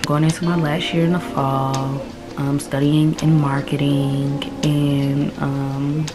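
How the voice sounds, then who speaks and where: A young woman in her twenties talks straight to her phone camera in a relaxed, slangy chat. Her voice sits low and unhurried. Clear music plays behind her throughout. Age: 20s. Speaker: vlogger.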